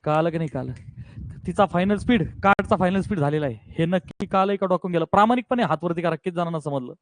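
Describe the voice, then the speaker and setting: A man teaching a physics class, energetic and coaxing, always checking that students follow. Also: high voice, quick pace, no room sound.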